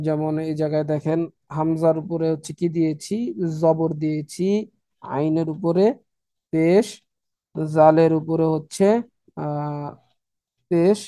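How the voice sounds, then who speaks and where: A man teaching Quran reading in an online lesson, pausing often with filler sounds and drilling syllables slowly. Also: on the high side, dark tone, dry recording.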